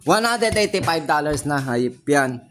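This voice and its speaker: This trading vlogger, a young Filipino-accented man, speaks at a measured pace with lively intonation and a fairly bright, higher-pitched voice over slight hiss or hum. Walking through his results in casual screen-share commentary, he's frustrated, repeating himself and cursing a lot.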